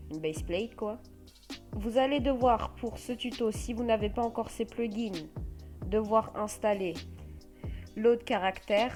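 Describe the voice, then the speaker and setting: A woman's voice: mid-range voice, a little mellow. Hesitant French woman walking through a tutorial. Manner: many hesitant "euh" fillers. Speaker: tutorial host. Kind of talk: casual screen-recorded software tutorial.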